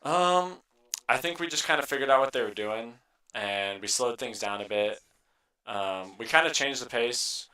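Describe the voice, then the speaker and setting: A man's voice: medium pitch, lively intonation, moderate pace, pushed and bright. A young man giving a casual post-match interview as an esports player, in informal, hesitant phrasing.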